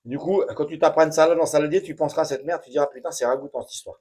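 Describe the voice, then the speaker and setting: A man chats through a hands-on bathroom repair in a bright, fairly high voice. He talks bluntly and casually, with plenty of slang, addressing the viewer like a friend. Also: steady tone, racing. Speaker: DIY home repair vlogger. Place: home bathroom.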